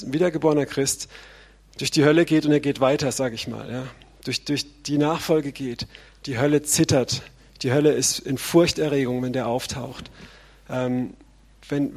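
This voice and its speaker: A man preaches to his congregation in a relaxed, chatty way, often tossing in quick tag questions. His voice has a rough, creaky texture and a breathy huskiness. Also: fairly high pitch. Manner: conversational, frequent tag questions. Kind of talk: sermon.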